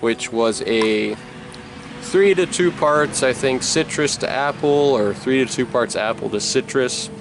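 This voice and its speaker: A man's voice: medium pitch, unhurried. A man giving a casual, rambling review as he talks with a wad of chewing tobacco in his mouth. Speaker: product reviewer. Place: outdoors. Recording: noisy outdoor recording, people and traffic behind. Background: loud people nearby, vehicle noise.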